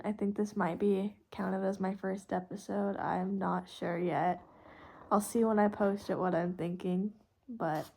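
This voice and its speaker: A woman's voice: medium pitch, creaky, warm tone. A teenage girl from Texas chatting informally and rambling as a podcast host, in a youthful casual way while coloring. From Texas, United States. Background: pencil and marker scratching on paper.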